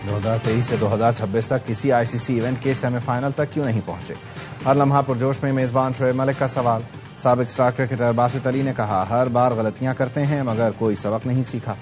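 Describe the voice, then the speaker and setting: A man reading scripted news headlines in an even, formal manner. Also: mid-range voice, a little fast, faint music behind. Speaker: news anchor.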